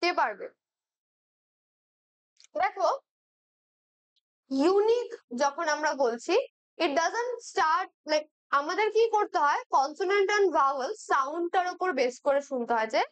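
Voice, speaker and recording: High-voiced Bengali woman teaching English. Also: fairly bright tone, dry recording. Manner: patient, checks in with "right?" often. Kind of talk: exam-prep lesson explaining questions.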